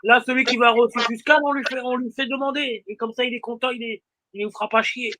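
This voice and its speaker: A man's voice: extremely high pitch, fairly even intonation, quick pace, sharp tone, dry recording. A man chatting casually on a live stream, agreeing and reassuring, heard from a distance. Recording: distant from the mic.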